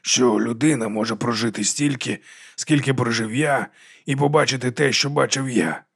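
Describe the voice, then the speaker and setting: Man doing a tired old knight, slow and low. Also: vocal fry, a bit bright, slightly rough. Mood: weary. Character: weary old male knight, gruff.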